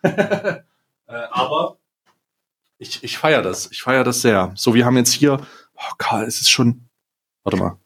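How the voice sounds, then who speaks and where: A man hosting a casual chat, excitable and scatterbrained as he unboxes an advent calendar, laughing often. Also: mid-range voice, unhurried, pauses often, slightly rough. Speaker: podcast host.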